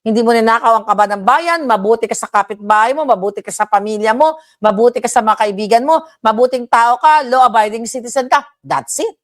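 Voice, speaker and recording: A woman's voice: a little high, a little fast. A woman giving heated reaction commentary, ranting with frequent profanity and switching into English. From Philippines.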